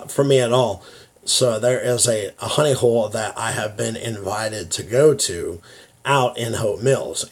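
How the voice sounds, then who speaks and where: American guy vlogging, slow halting speech, dysphonia, works hard to get words out, confiding and casual. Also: medium pitch. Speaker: YouTube vlogger. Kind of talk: confiding casual talk to viewers.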